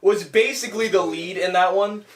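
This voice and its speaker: Young dude podcast host, kinda high voice, rambly, swears, far off in a roomy space. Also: male voice, normal speed, slight background noise. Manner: rambling, swears a lot, many fillers. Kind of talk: casual chat. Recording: echoey room, far from mic.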